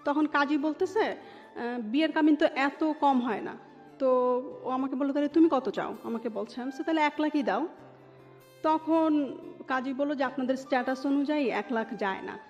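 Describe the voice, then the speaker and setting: An interview guest with a Bangladeshi accent tells her own story conversationally, speaking Bengali sprinkled with English words. Her voice sits high and a little mellow, moving at a moderate pace with long pauses. The sound is dull, with long reverb and background music.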